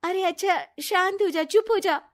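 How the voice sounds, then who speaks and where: A woman's voice: very high voice, normal speed. A woman voicing a trusting, kind young married woman who talks earnestly, in a storybook drama.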